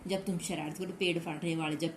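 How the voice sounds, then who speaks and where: A woman's voice: lowish voice, fairly even intonation, fairly quick. A woman teacher who reads a story aloud to young pupils, retells each line in simple words and asks the class questions. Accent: Hindi. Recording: echoey room with faint background noise.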